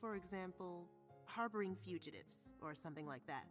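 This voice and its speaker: A woman's voice: lowish voice, lively intonation, fairly quick, faint music behind, lightly acted. A woman voicing an earnest young woman marshal in a video game, polite and a little hesitant.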